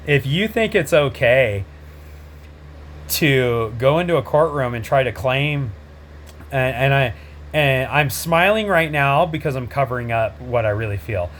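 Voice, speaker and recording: A man hosting his own show, bluntly addressing people directly to camera in a confrontational way, with many pauses and fillers. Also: mid-range voice, lively intonation, fairly bright tone, a little hiss or hum. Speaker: host, a father speaking out.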